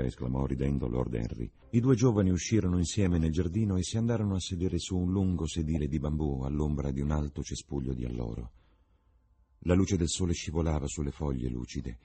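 A man narrating a classic novel in a slow, measured reading. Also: rumbling low, dark tone, husky. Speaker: reader. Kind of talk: audiobook narration.

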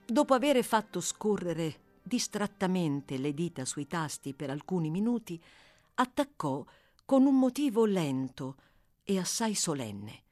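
Low-voiced woman reading a novel aloud. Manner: measured, expressive reading with slow pauses. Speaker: audiobook reader. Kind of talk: scripted literary narration.

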